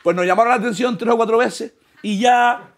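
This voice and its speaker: With a very high-pitched voice and a fairly quick delivery, a young Canary Islands comedian spins a funny story. He animatedly performs character voices and keeps laughing as he talks.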